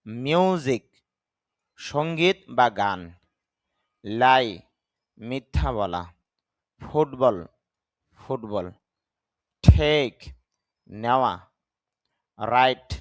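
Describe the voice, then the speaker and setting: A man teaching English grammar, reading example sentences slowly, translating them and correcting the pronunciation of words. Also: medium pitch, dry recording. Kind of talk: slow grammar lesson.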